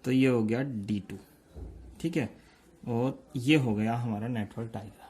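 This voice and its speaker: A man giving a step-by-step lesson, explaining slowly and checking in often with his listeners. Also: mid-range voice, dark tone, husky. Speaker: teacher. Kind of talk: step-by-step lecture.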